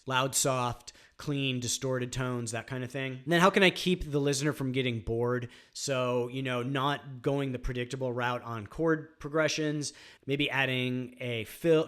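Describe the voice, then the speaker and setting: A man's voice: medium pitch, clear, resonant tone. A man teaching songwriting on guitar in a casual, rambling way, with frequent fillers. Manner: relaxed, rambling, many fillers like "um" and "like". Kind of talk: casual instructional talk.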